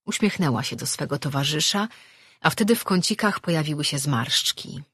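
A narrator reading a fantasy novel aloud with a husky, slightly breathy tone at a middle pitch. The delivery is steady and measured. The recording is dry and close, with no room sound. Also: no room sound. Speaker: audiobook narrator.

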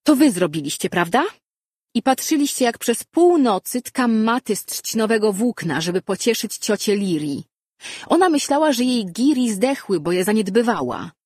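A man voicing a fiery young winged girl who is quick to anger, in an audiobook. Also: husky, no echo, studio quality, full character voice. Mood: angry scolding. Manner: shrill, scolding outbursts. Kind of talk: audiobook character voice.

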